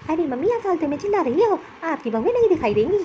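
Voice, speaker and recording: A woman's voice: very high voice, sing-song, fast talker, highs cut off, a little hiss or hum. A woman voicing a scheming young daughter in a cartoon story, gleeful and sly.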